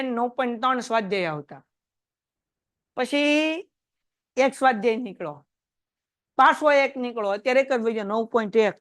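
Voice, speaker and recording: A male teacher lectures a class on math in a chatty, quizzing way. His voice sits notably high for a man. The sound is dry and close, with little room echo. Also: fairly bright tone. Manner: chatty, quizzes students and tells anecdotes. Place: classroom with students.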